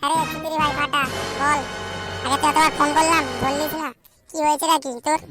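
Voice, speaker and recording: A woman's voice: high voice, flat delivery, over loud music, natural voice. A woman voicing a whiny, crude young unmarried man in a cartoon, chattering and complaining. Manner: fast complaining chatter, full of swearing. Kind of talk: cartoon voice acting.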